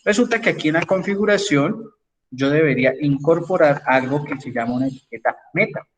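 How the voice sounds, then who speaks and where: A man's voice: fairly high pitch, brisk, distant mic, slight background noise, rough recording. A man lecturing an engineering class online, explaining step by step and checking in with his students as he goes. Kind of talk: online class with screen sharing.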